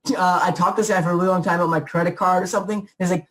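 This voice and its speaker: A man's voice: high voice, fairly even intonation, very fast, fairly bright tone, rough recording. A teenage boy co-hosting a podcast, telling a story bluntly and casually, with swearing and laughter. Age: teens. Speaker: podcast co-host.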